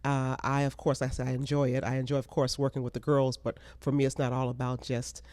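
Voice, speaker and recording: American lady being interviewed, dry close mic, talks earnest and steady. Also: very deep voice, brisk, no room sound. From United States. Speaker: pageant producer. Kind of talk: casual interview.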